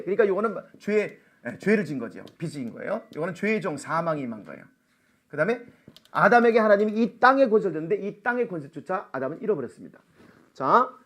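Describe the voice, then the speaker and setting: A middle-aged man preaching at a church seminar, animated and laughing often, calling out for amens. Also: high voice. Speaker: missionary seminar speaker. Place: church sanctuary.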